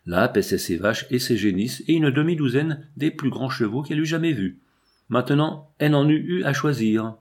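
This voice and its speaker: A man narrating a classic novel as an audiobook, in a measured, expressive reading. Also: medium pitch.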